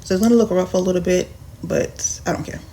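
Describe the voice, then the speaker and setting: A woman's voice: on the low side, fast, warm tone. A woman vlogger chatting casually and informally, addressing her viewers directly in slangy speech. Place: partly inside a car. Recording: clear background noise, car ambience.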